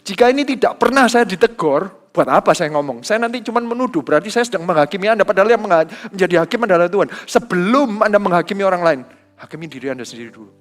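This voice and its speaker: Male pastor, high voice, conversational sermon, faint music behind. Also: fast. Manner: conversational preaching, mixing in English phrases, animated retelling of dialogue.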